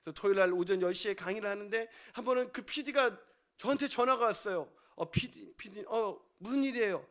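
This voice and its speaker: A male pastor preaching a sermon, telling a comic story with loud exclamations and hushed whispers. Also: high voice, brisk.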